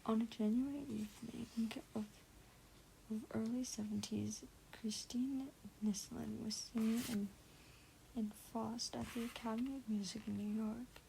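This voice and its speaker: Woman for a whispered ASMR reading of a novel: mellow, gently fried tone, trips over words and makes chatty side remarks. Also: on the high side, steady tone, a little slow, gravelly, slight background noise, rough recording. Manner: soft whisper, stumbles and corrects herself, chatty asides. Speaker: ASMR book reader.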